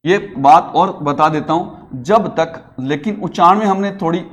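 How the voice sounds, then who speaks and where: A man with a somewhat high voice teaches a classroom grammar lesson. He coaxes his pupils along with questions and answers them himself. He calls them beta as he talks them through it. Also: measured pace. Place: classroom with a digital board.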